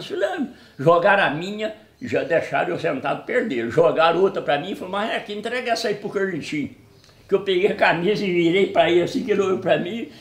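A man's voice: on the high side, echoey room. A man telling a funny story, acting out the dialogue and laughing as he goes. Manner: animated, acts out dialogue, laughs often. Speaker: storyteller guest. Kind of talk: casual anecdote telling.

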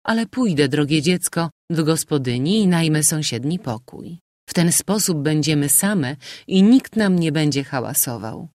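An anxious aristocratic mother speaks with urgent earnestness, as a man reading the novel puts her on. Her voice sits higher than his own and presses forward. The recording is dry. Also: animated, normal speed, darkish tone, no room sound, lightly acted.

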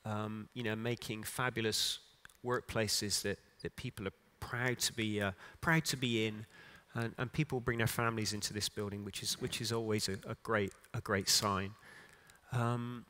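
A man's voice: on the low side, steady tone, moderate pace, bright, forceful tone. A middle-aged man giving an unscripted keynote talk on a conference stage, with frequent restarts and fillers. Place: conference stage in a large hall.

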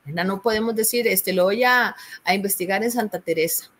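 A woman's voice: medium pitch, fairly quick, fairly bright tone. Patient Costa Rican woman tutor explaining. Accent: Costa Rican Spanish. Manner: patient, explanatory, frequent "¿verdad?" and "este". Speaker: university tutor. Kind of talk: explaining a course assignment.

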